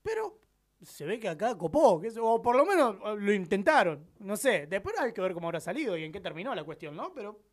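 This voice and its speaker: A man's voice: high voice, very animated, a little fast. A man with a Rioplatense accent hosting a late-night radio show, joking and rambling in casual slang. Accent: Rioplatense Spanish. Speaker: radio host. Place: radio studio.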